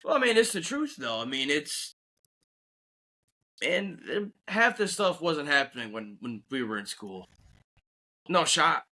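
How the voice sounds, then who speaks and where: A male co-host on a sports podcast who chimes in with emphatic agreement. His voice is a bit high and very bright, and he talks slowly. His pitch swoops widely from phrase to phrase. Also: big pitch swings. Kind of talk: casual sports podcast chat.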